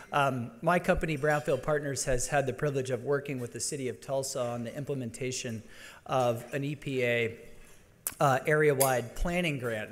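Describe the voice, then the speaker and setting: A man from Denver giving a conference luncheon speech, halting with restarts and fillers. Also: mid-range voice, slight background noise. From Denver, Colorado. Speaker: conference speaker. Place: large conference hall. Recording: long hall reverb.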